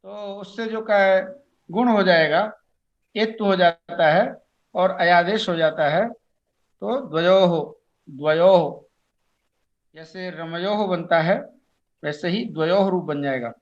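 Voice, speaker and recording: A man teaching Sanskrit grammar in a slow explanatory lecture, reciting word forms in measured, chanting lists, on a dull lo-fi recording. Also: high voice.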